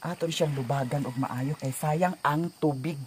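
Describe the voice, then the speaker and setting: A vlogger with a Cebuano accent chatting casually and jokingly while doing laundry, a little hoarse. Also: medium pitch, unhurried, a little hiss or hum. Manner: joking, teasing, breaks into song.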